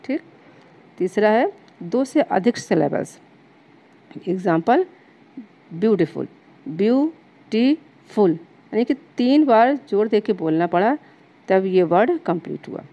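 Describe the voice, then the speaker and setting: A woman lecturer teaching a grammar lesson to students. She reads English definitions slowly, as if dictating, then explains them patiently. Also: medium pitch, expressive, mellow, lo-fi sound. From India.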